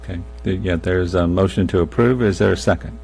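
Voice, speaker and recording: A man chairing a public meeting in formal procedural language, with a halting delivery. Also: low voice, gravelly, darkish tone. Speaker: commission chair. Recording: faint hum and noise.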